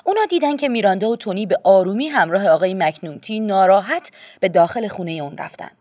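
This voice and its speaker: A woman narrating a children's storybook in a gentle, steady, expressive way. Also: mid-range voice, no room sound. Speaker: audiobook narrator.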